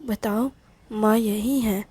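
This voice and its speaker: A gentle older mother speaks in soft, soothing tones, as a woman storyteller puts her on. The voice is mellow and breathy, kept slow and even. She sounds caring and tender throughout. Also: mid-range voice.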